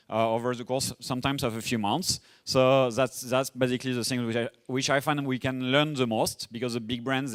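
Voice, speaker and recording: A young man from France with a strong French accent, giving a casual, fast-paced conference masterclass. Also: medium pitch, smooth. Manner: fast, casual, self-deprecating, with filler restarts. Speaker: conference speaker. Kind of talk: masterclass presentation.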